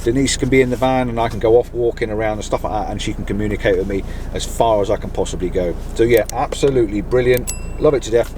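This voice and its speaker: A middle-aged British man gives an informal, upbeat gear review to a camera mounted in his campervan, chatting away. He talks fast with few pauses in a fairly low, slightly mellow voice, and vehicle noise sits in the background.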